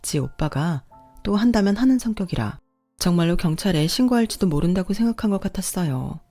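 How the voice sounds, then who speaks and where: Woman reading a story, lowish warm voice, soft music behind. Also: animated, a little fast. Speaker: story narrator. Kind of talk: scripted first-person story narration.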